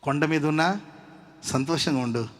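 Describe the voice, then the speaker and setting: A male pastor preaching a sermon, swinging from hushed asides to loud exhortation and calling the congregation to shout hallelujah. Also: a little high, normal speed. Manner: calls on the congregation to say amen and hallelujah. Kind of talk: Telugu sermon. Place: church service with congregation.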